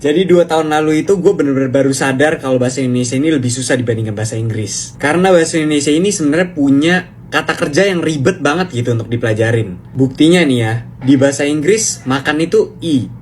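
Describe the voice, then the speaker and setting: A man explains word variations in a rapid, playful, slangy manner, bouncing between tones. His voice sits slightly high. A faint noise floor lies behind him. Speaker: language explainer video creator. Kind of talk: casual explainer.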